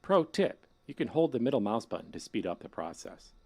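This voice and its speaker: A man's voice: medium pitch, sing-song, a little fast, warm tone. A man playing a casual, ominous hacker guide who narrates a horror game tutorial in a wry, instructional way. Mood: instructive, casual.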